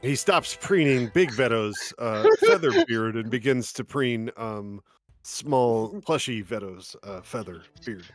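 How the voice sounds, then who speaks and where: Male game master, measured descriptive narration on a call, soft music bed. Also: medium pitch, lively intonation.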